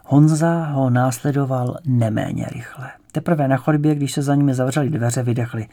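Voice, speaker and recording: A man reading a novel aloud as an audiobook narrator, in measured storytelling narration. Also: mid-range voice, fairly even intonation, dark tone. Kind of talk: scripted narration.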